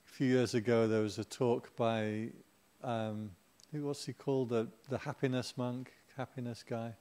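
A middle-aged man delivering an informal Dharma talk to a gathered audience. He speaks at an ordinary, mid-range pitch in an easygoing, conversational way, and slips in playful, joking asides as he goes. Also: level tone, moderate pace, warm tone, smooth. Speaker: Buddhist Dharma teacher.

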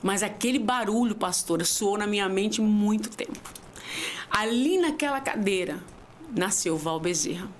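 A woman telling her personal faith story as a podcast guest, heartfelt and sometimes tearful, dropping to near whispers and then rising to high, emphatic cries. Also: expressive, moderate pace, a little hiss or hum. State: tearful at times. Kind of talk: emotional faith testimony.

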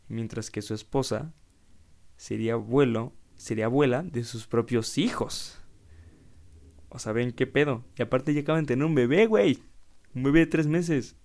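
A man in his twenties with a Mexican accent, hosting a casual solo podcast and telling stories in an animated, slangy way full of swearing. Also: medium pitch. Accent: Mexican Spanish. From Querétaro, Mexico. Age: 20s. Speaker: podcast host.

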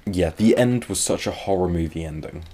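Podcast co-host, man, very deep voice, rambling casual chat. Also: moderate pace, a crowd in the background. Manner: rambling, trails off mid-thought. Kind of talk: casual comic book discussion.

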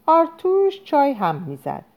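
A woman narrating a novel aloud in an expressive storytelling manner. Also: high voice. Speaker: audiobook narrator. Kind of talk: scripted narration.

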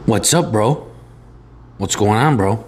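A man's voice: on the low side, animated, slow, darkish tone, slight background noise. Teasing, sarcastic male podcast co-host. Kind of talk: casual podcast chat.

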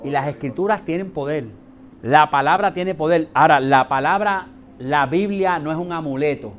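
A middle-aged male pastor with a high voice delivers a sermon. He preaches emphatically, dropping soft and then rising loud, and he repeats his key phrases for weight. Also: moderate pace, narrow, tinny audio, slight background noise.

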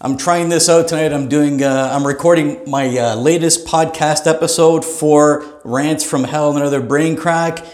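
Male podcast host, comedic rant, swears a lot, fairly high voice, roomy echo. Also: fairly even intonation, moderate pace, few pauses, a little mellow. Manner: profane, rambling, laughing asides. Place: small private home studio.

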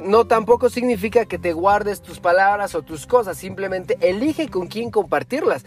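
A man giving a motivational self-help talk, asking rhetorical questions and laying out numbered steps. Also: high-pitched. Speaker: motivational speaker.

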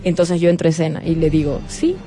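A woman's voice: low-pitched, flat delivery, rapid-fire, over music. A woman co-hosting a casual radio chat, telling a personal story and acting out the quoted lines. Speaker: radio show co-host.

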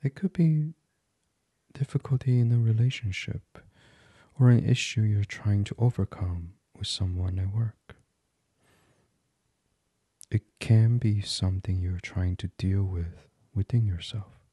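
A man with a low-leaning, breathy-edged voice leads a guided meditation, slow, soft and soothing, often drifting down into a whisper. The recording is dry.

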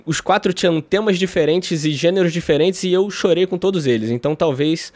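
A man's voice: a little high, brisk, a little mellow, dry recording. A young man with a Brazilian Portuguese accent, co-hosting a podcast in casual, chatty talk and laughing often. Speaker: podcast co-host.

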